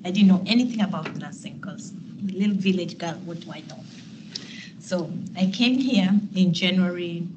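A woman from Kenya, a nurse telling her story on a panel in a relaxed, self-deprecating way. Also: lowish voice. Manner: laid-back, self-deprecating, many ums. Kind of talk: personal storytelling. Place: meeting room, seated at a long table. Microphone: far room camera. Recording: distant mic with room noise.

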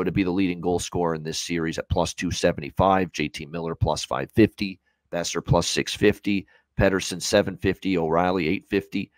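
Speaking on a video call from a small home room, a thirtysomething man from around Hamilton, Ontario, Canada, offers loose, chatty sports betting analysis. He circles back on phrases to stress them. His voice is deep, with no room sound.

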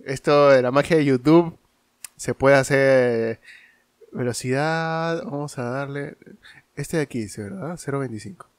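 A young man giving casual, animated and amused reaction commentary, often repeating his phrases. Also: medium pitch, unhurried. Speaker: reaction video host. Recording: music behind the voice. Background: music and sound of the video he watches.

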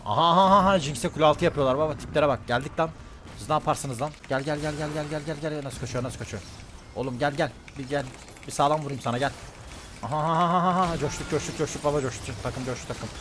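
A male streamer gives live, excitable commentary on his own gameplay, often shouting and repeating words in quick bursts. His voice is a little high, and the background is noisy.

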